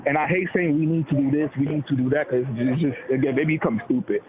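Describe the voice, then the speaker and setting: Amid crowd noise on a tinny, phone-like line, a man of Dominican background with a voice on the high side talks fast and casually about politics. He's animated and slangy, often imitating the people he quotes.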